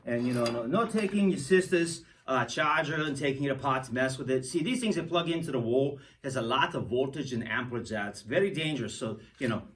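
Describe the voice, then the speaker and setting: A man's voice: medium pitch, brisk, few pauses, fairly bright tone, recorded from a distance, rough recording. A man hosting a goofy hands-on science demo for kids, joking and rambling with lots of restarts. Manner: playful, jokey, rambling with restarts. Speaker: science show host.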